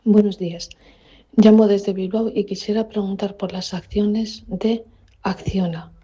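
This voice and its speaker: A woman caller leaving a polite, measured voice note asking for advice, played back on air. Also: medium pitch, steady tone, warm tone, husky. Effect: recorded voice note played on air. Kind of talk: polite question in a voice message. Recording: dull lo-fi voice message.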